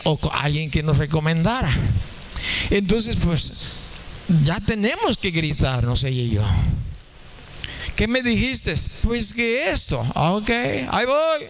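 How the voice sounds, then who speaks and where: A man's voice: on the high side, a little hiss or hum. A man preaching a sermon, telling a funny story and chatting with the congregation. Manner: joking, anecdotal, conversational with the congregation. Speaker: pastor.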